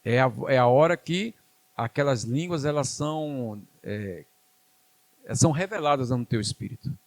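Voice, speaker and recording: Here a man with a Brazilian Portuguese accent preaches emphatically in church, repeating phrases and calling for the congregation's responses. He has a mid-range voice with lively intonation at normal speed, recorded without echo.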